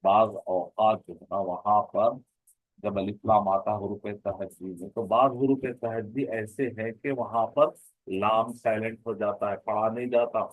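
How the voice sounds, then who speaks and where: A man's voice: fairly low pitch, steady tone, a little slow, dry recording, narrow, tinny audio. A man teaching an online grammar class, explaining patiently, repeating points and asking rhetorical questions.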